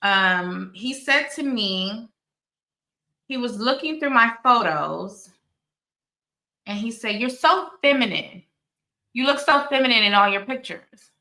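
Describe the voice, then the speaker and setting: Bright-voiced woman in her forties, echoey room. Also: a little high, lively intonation, slow, long pauses. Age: 40s. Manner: candid, storytelling, many restarts and asides. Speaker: channel host. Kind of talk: casual commentary chat.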